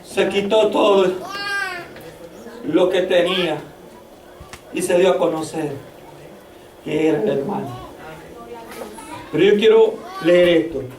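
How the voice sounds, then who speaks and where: A male pastor preaching a fervent sermon in a church, often raising his voice to a shout. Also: sits high, slow, long pauses. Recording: echoey church from far off, faint noise.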